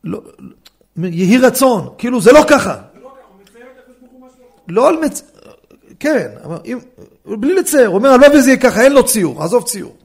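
Rabbi man lecturing in a study hall, high voice w/ a gravelly edge, keeps throwing questions at the class. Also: long pauses. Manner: animated, fires rhetorical questions at listeners. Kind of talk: Torah law lecture.

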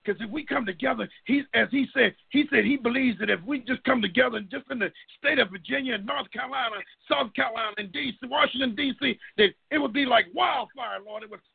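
The voice belongs to a middle-aged man, pitched extremely high and sounding gravelly and husky. He is leading others in prayer, improvising with fervent pleas and repeated appeals to God, captured in tinny, phone-line-quality sound.

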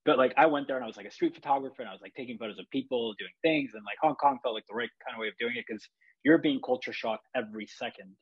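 A man's voice: medium pitch, rapid-fire, husky, lo-fi sound. A man from Chile, a photographer, talking in a rambling, reflective way with many fillers and restarts. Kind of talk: casual podcast chat.

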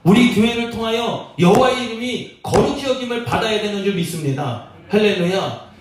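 A man's voice: high-pitched, expressive, fairly quick. A male pastor preaching a sermon, asking the congregation questions as he goes, recorded in a church sanctuary. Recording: very echoey church hall from a distance.

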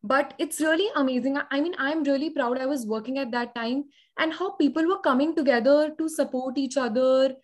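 A young adult woman with an Indian accent, talking reflectively in a casual discussion with hesitant, measured phrasing. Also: high voice.

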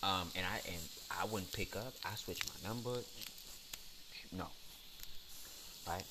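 A man's voice: deep voice, slow pace, very noisy. A man hosting a podcast, ranting in a blunt, profane, slangy and emphatic way. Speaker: podcast host. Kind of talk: casual solo rant.

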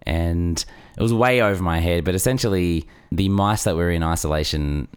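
A man's voice: deep voice, moderate pace, clean tone. A man co-hosting a casual podcast, reading out figures and adding dry, jokey asides. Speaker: podcast co-host.

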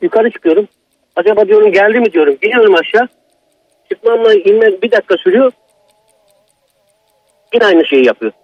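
A man's voice: high voice, lively intonation, fairly quick, pauses often, no echo, highs cut off. A man calling in to tell a personal horror story, in an agitated, emphatic manner. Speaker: caller.

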